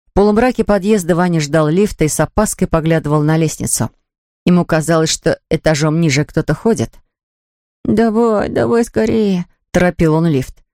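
Woman narrator, steady storybook reading, lower voice, dead-dry booth. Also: a little fast, no room sound. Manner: steady, descriptive.

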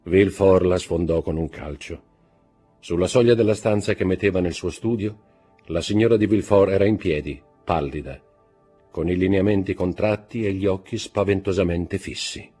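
Deep, husky man narrating a novel. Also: mellow, faint music behind. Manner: dramatic, measured narration. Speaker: audiobook narrator. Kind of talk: literary audiobook reading.

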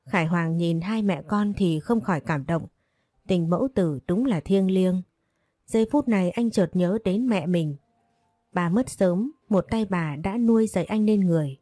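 Woman narrator, audiobook storytelling, warm mellow tone, dry close sound. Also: fairly low pitch, moderate pace, dry recording. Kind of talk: scripted audiobook narration reading all roles.

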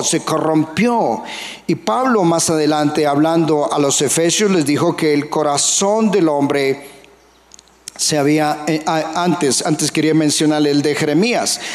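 Colombian pastor, male, high gravelly voice, emphatic sermon, long church-hall reverb. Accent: Colombian Spanish. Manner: emphatic, rhetorical questions to the congregation.

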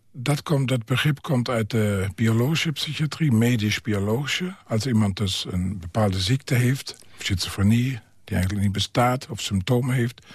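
Older man, low husky voice, halting. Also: dry recording, studio quality. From Germany. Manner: hesitant, halting with many pauses and fillers. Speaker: psychiatric care worker and author. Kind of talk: radio interview.

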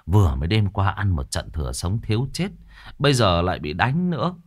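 Low-voiced man telling a ghost story. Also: fairly quick, dry recording, studio quality. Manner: dramatic, expressive.

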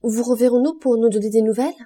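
A woman voicing an elegant, gracious countess in an audiobook, speaking with lively, raised tones. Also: fairly high pitch, fast, husky, no echo, studio quality, voice pushed up. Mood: alarmed.

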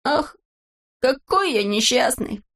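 Woman doing a whiny little storybook boy, high and sulky, slow sobbing lines. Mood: tearful. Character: boastful little boy, now tearful and sulky.

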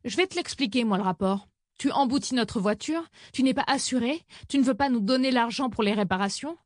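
A woman's voice: a little high, fairly quick, dry recording, clean studio sound, lightly acted. A woman reading an audiobook and voicing a blunt, menacing young woman who swears and bosses others around. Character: bossy, foul-mouthed young woman, aggressive.

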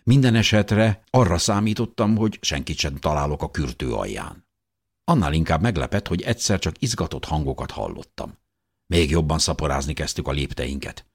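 A man reading a first-person audiobook in a steady, measured way. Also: extremely low pitch, breathy edge. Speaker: audiobook narrator.

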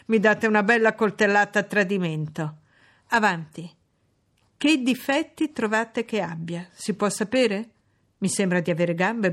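A woman reading an audiobook, voicing a brusque, mocking middle-aged gentleman who teases and commands. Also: medium pitch, lightly acted. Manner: sardonic, teasing, commanding.

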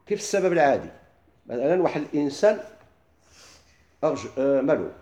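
A middle-aged man with a Moroccan accent, teaching a classroom lesson. He keeps asking his listeners quick questions and then answers them himself. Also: fairly high pitch, sing-song, warm tone, reverberant. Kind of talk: classroom lesson explaining legal theory.

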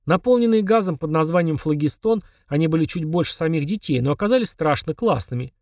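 A man reading a fantasy story aloud, lively, raising his pitch for the girl's lines. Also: fast talker, no echo, studio quality, distant mic. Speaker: audiobook reader. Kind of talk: scripted narration.

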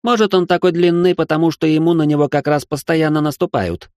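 A man's voice: fairly even intonation, a little fast, a little mellow, dry recording, lightly acted. Man playing a fussy young noble guy, whiny and shocked, voice pushed way up, dry close sound. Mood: exasperated. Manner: whiny, exasperated, high strained voice. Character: young prissy male aristocrat, easily shocked.

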